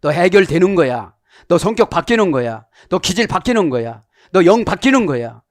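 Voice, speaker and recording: A man's voice: sits high, very animated, moderate pace, no room sound, studio quality. A middle-aged man preaching a sermon as pastor, teaching Greek words and acting out the voices of the people he quotes. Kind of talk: sermon with Greek word study.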